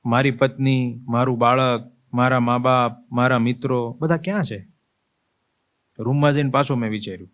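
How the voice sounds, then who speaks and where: A man's voice: medium pitch, fairly even intonation, moderate pace, long pauses, highs cut off. Swami man telling a vivid sermon. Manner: vivid storytelling, acts out scenes. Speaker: swami giving a discourse. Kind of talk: spiritual sermon.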